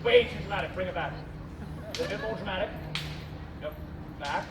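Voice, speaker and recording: A man telling a story to a live festival crowd as a comedy performance, giving his volunteers animated stage directions and shouting now and then. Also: sits high, normal speed, background noise. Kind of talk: live audience-participation comedy retelling. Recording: far-off echoey outdoor crowd recording.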